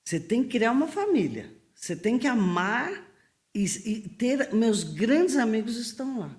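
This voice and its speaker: A middle-aged woman from Brazil, a missionary guest on a podcast, telling stories in a lively way, acting out the voices she quotes and laughing often. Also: a little high, measured pace. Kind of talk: lively storytelling in a podcast interview.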